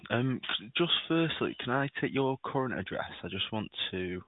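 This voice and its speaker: A man's voice: mid-range voice, lively intonation, moderate pace, no echo. A man working as a call handler, speaking politely and reassuringly in a customer service phone call. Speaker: call handler taking client details. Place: telephone call. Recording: tinny, narrow phone line.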